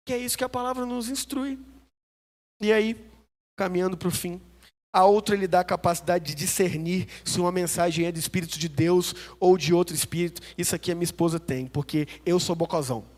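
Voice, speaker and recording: A man with a Brazilian Portuguese accent, a pastor preaching a sermon in a church hall, telling stories in an animated, humorous, self-mocking way. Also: high voice. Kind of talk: storytelling sermon.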